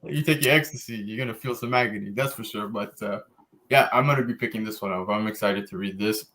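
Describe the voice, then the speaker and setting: Laid-back, low-voiced comic podcast host. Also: male voice, quick pace, sharp tone. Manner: laid-back, enthusiastic, frequent fillers. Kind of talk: casual chat.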